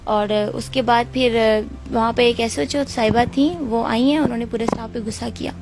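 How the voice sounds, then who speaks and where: A young woman with a Pakistani Urdu accent, giving an interview and telling of her ordeal in an earnest, steady way. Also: a little high. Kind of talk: emotional personal account.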